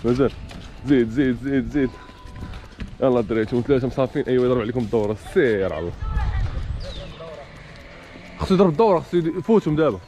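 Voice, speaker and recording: A young man with a Moroccan accent hosting a challenge game, urging the players on with rapid repeated calls and frequent laughter. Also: medium pitch, animated, warm tone. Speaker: host running a challenge game. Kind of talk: energetic game commentary.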